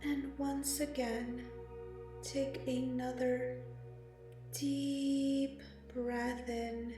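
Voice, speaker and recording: A woman speaking slowly and softly with long pauses, guiding a meditation. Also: high-pitched, little pitch movement. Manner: slow, soft and soothing, with long pauses. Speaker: meditation guide. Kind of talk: guided meditation narration. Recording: very echoey, slightly distant, music behind. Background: meditation music and singing bowl.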